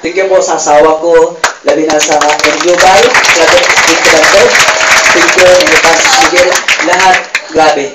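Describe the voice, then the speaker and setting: Man, Filipino accent, motivational testimony, animated, distant mic, loud crowd noise. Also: on the high side, measured pace, echoey room. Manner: calls out questions to the crowd, gets shouted replies; animated, laughing, acts out quoted dialogue. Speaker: speaker giving a success testimony. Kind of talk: motivational testimony to a live audience. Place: event hall with a live audience.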